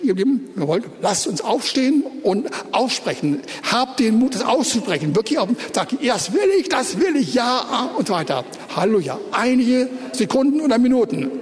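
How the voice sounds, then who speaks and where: A man preaching and praying before a congregation, speaking earnestly and addressing them directly. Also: sits high. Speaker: pastor. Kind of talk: sermon and prayer. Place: church hall. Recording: long hall reverb.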